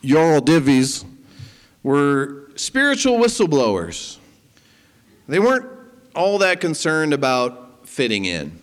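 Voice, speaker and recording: A man preaching a sermon and leading prayer, speaking deliberately with prayerful pauses. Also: a little high, big-room sound. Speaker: pastor.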